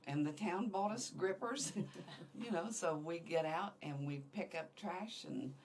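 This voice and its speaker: A woman in her seventies from Indiana speaks in a notably deep, low voice. She is agreeable and supportive in a casual interview, often chiming in to back up the others. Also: measured pace, darkish tone, slight background noise. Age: 70s. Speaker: interview guest, community volunteer.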